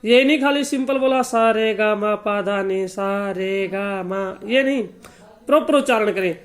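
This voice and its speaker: A man giving a spoken music lesson, explaining terms slowly and repeating himself, now and then singing out drawn-out sargam notes as examples. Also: sits high. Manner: slow repetitive explanation, stretching out sung sargam notes. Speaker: music teacher.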